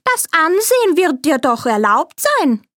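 Lady doing a shrill sneaky old witch-granny, high and cackly, kinda far from the mic. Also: very animated, unhurried, fairly bright tone, no room sound, studio quality, full character voice. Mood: wheedling. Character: scheming old hag peddler, shrill and spiteful.

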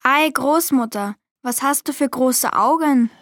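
A woman's voice: high voice, unhurried, no echo, clean studio sound, pitched above the performer's own voice. Woman doing a sweet little girl in red. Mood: wondering. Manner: bright, earnest and guileless.

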